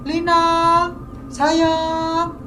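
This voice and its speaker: A woman voicing a panicked young male hiker who calls out loudly for his missing girlfriend. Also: a little high, a little slow, over music, close to an everyday voice. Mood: shouting. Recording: echoey room.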